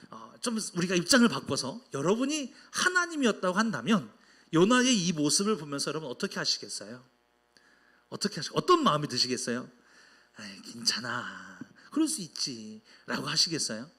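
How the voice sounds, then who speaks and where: A man's voice: a little high, sing-song, brisk, sharp tone, husky. A man preaching a sermon at a midweek church service, acting out the voices he quotes. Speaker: pastor.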